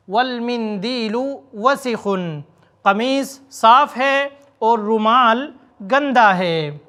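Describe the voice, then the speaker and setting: A man teaching a spoken language lesson, explaining words quickly and then repeating example phrases slowly and deliberately. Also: extremely high pitch, bright, forceful tone. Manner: slow, drawn-out repetition of example phrases. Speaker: Arabic teacher.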